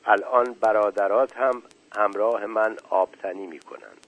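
Calm caring mother bird guiding her chicks, read by a male narrator, storybook. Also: on the low side, poor audio. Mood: caring, solemn.

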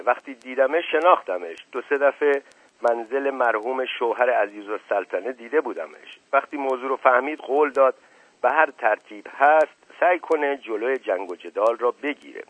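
A man's voice: medium pitch, animated, fairly bright tone, dry recording, pitched above the performer's own voice. A man doing a jovial, teasing worldly schemer. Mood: pleased. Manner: breezy, teasing, confident. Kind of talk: audiobook reading. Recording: narrow phone-like radio recording.

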